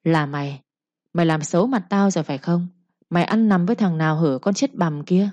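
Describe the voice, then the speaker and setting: A woman's voice: lowish voice, fairly quick, darkish tone, dry recording, lightly acted. A woman voicing an angry, strict middle-aged village father who scolds harshly in a storybook reading. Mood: furious. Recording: dull lo-fi recording.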